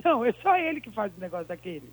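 A feisty, blunt woman with a smoker's rasp, bantering casually as a caller to a sports radio show. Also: fairly high pitch, big pitch swings, racing, a crowd in the background, rough recording.

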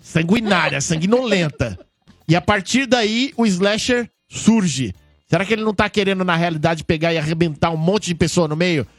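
A man's voice: sits high, moderate pace, no echo, studio quality, soft background music. A man recapping a film on a radio show in casual, rambling banter, repeating words for laughs. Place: radio studio.

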